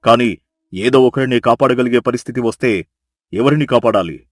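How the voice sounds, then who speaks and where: A man voicing a serious hospital doctor in an animated storybook, speaking in a grave, measured way. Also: medium pitch, dry recording, studio quality, lightly acted.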